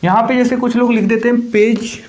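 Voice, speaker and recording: A man's voice: very high voice, fairly even intonation, normal speed, a little mellow. A man teaching English grammar for competitive exams in a Hindi-English lecture, explaining step by step, repeating key words and asking questions of his students.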